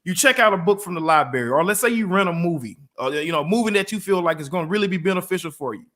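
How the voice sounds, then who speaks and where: A man co-hosting a motivational talk show, telling everyday stories and acting out quotes with lively energy. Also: high voice, rapid-fire. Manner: storytelling with lively acted-out quotes. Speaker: co-host.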